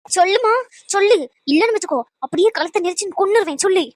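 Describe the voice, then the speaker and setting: A woman voicing an exasperated middle-aged mother in a cartoon, who scolds loudly and wails. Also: very high voice, quick pace, no room sound, clean studio sound. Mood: scolding, wailing. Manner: loud, scolding, wailing. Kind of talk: cartoon voice acting.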